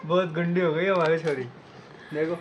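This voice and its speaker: राजस्थानी लहजे में बोलने वाला एक आदमी, जो फ़ोन कैमरे पर घर और सैर के दौरान अपने बच्चों के बारे में मज़ेदार, बातूनी अंदाज़ में व्लॉग कर रहा है।. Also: male voice, a little high, level tone, normal speed, noisy background. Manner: chatty, playful, talks to kids and viewers. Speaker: family vlogger and father. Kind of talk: casual vlog narration. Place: home, indoors; later outdoors on a walk.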